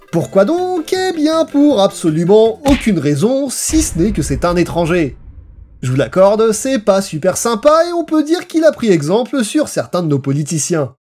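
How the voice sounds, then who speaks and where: A high-pitched man with a dark tone narrates a scripted video essay while music plays behind him. He tells it playfully and theatrically, like a storyteller.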